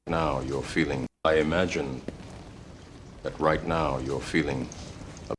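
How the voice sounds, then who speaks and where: An actor playing a calm, commanding male rebel mentor who speaks in a deep, measured, formal way. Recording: film soundtrack with clear ambient noise.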